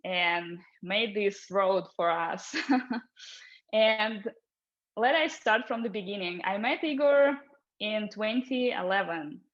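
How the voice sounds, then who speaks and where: A woman's voice: mid-range voice, slow, highs cut off. Nervous Russian-accented woman storyteller. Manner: nervous, apologetic, laughing often. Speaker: storyteller, veterinarian. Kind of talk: personal storytelling.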